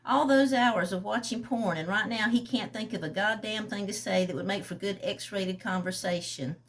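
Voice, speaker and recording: A woman chatting casually, then reading a passage from her own novel aloud in an unhurried way. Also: medium pitch, a little hiss or hum.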